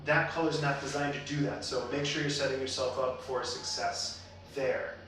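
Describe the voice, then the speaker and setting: A man's voice: mid-range voice, fairly even intonation, normal speed, a bit bright. Echoey, distant man hosting a salon advice show. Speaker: hairstylist and show host. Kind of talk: casual advice talk. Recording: very echoey room, distant mic, faint noise.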